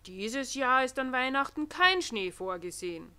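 A woman's voice: high voice, lively intonation, unhurried, sharp tone, smooth, full character voice. A woman voicing a stern old gatekeeper of heaven in a children's storybook.

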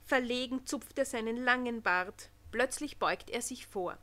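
Expressive woman reading a storybook. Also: a little high, measured pace. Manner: expressive, gentle. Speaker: narrator.

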